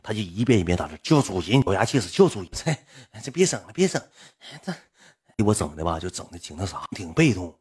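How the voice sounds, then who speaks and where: A man's voice: low-pitched, sing-song, quick pace, darkish tone, slightly rough. A young man with a Northeastern Chinese accent, a livestreamer telling a story in a rambling, coarse, blunt way. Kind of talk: casual storytelling.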